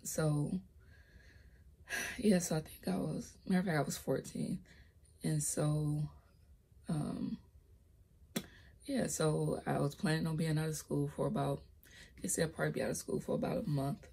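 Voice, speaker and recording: A young vlogger with a low, raspy voice shares her life story at a normal speed in a steady tone, leaving long pauses. She's hesitant, stumbles over words and whispers soft asides, and her voice cracks when raised. She records on her laptop's built-in mic.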